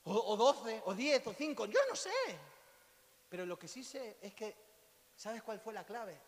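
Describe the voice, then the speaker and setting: Un pastor con acento de España que predica contando historias con humor y gritos repentinos. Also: male voice, high voice, unhurried. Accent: Spain Spanish. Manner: storytelling, sudden loud cries and laughs. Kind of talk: lively sermon with jokes. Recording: long hall reverb, faint hiss.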